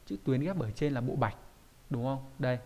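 A man's voice: medium pitch, fairly quick, a little mellow. A man teaching a kanji lesson, explaining patiently and often checking that listeners follow.

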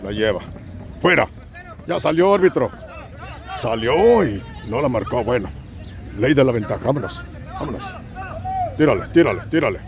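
A man with a Mexican accent calling an amateur soccer game outdoors at a local field, with a cold, shouting encouragement at the players and joking with himself. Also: medium pitch, expressive, moderate pace, pauses often, a faint crowd. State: has a cold. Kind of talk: excited play-by-play commentary.

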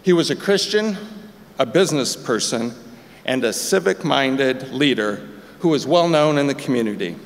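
An older man giving measured, formal prepared remarks from a podium as a board chair. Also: medium pitch, animated. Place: large chapel auditorium on stage. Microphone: podium microphone. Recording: long reverb in a large hall.

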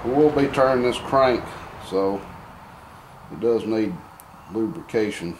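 A man's voice: fairly low pitch, expressive, measured pace, background noise. A man casually explaining an engine job as he works, thinking aloud and muttering to himself in a dim workshop. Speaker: home mechanic. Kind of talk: casual how-to demonstration.

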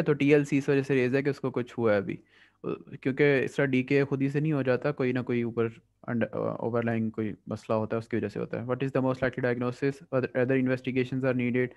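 A man with a Pakistani accent going through medical exam past papers as a tutor. He reads the English questions slowly, then explains quickly in Hindi-Urdu. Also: medium pitch, a little mellow. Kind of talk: past-paper review lecture. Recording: dull lo-fi audio.

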